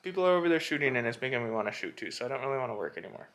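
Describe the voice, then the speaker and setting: A man's voice: medium pitch, sing-song, racing, a bit bright. Casual man thinking aloud in barn. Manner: unsure, thinking aloud with many fillers. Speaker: DIY renovation vlogger. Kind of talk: casual walkthrough talk to camera. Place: inside an old barn.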